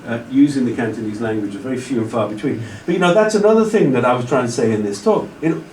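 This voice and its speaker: Talking fast and animatedly in a medium-pitched, darkish voice, a male lecturer rambles through a long answer to an audience question, restarting often and saying "you know". The lecture hall recording is roomy and distant, with slight background noise.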